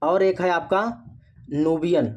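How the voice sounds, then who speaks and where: Speaking slowly in a high voice, this young North Indian-accented man shares memory tricks for exams, though the audio sounds dull. Each point gets repeated as he asks questions and then answers them himself.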